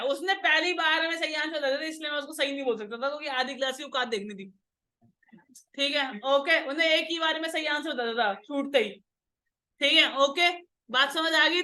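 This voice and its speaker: A woman lecturing a classroom on accounting entries. Her voice sits high and sounds bright and sharp. She drills the students with quick questions and teases them for their mistakes. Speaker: accounts teacher.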